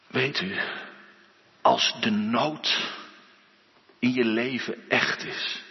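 A man preaching a sermon, slow and earnest, building to emphatic outbursts. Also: mid-range voice, fairly even intonation, creaky, breathy edge. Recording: dull lo-fi recording with long church reverb.

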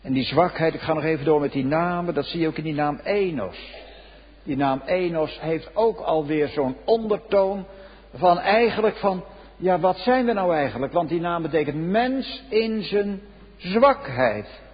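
A man preaching a solemn sermon, swinging between loud exclamations and hushed, low passages. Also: animated, normal speed, breathy edge. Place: church. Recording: dull lo-fi recording in a reverberant church.

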